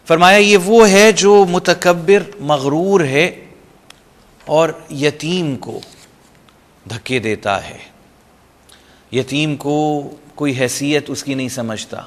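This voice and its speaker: A man giving a patient Quran reading lesson in a fairly high voice. He explains each rule step by step and slows down to recite short Arabic phrases. His voice carries a long reverb tail. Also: fairly bright tone. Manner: patient step-by-step explaining, mixing in English terms.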